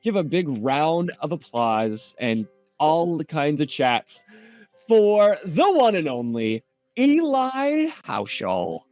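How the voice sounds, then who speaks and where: A man's voice: a little high, very animated, slow pace, darkish tone, no room sound, soft background music. A man hosting a podcast in casual chat, chatty and upbeat as he hypes up a guest. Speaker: podcast host.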